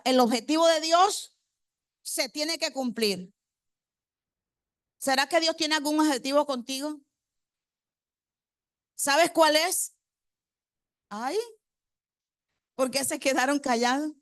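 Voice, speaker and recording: A woman's voice: high-pitched, takes it slowly, long pauses, no room sound, clean studio sound. A woman preacher delivering a congregational sermon. She quizzes the congregation with rhetorical questions and repeats key phrases for emphasis.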